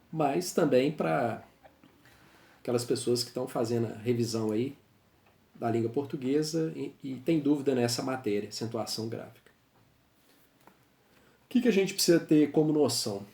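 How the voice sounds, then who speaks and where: A man's voice: mid-range voice, dark tone. Patient male teacher in an echoey room. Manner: patient, repeats examples slowly. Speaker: Portuguese teacher. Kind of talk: explanatory grammar lesson.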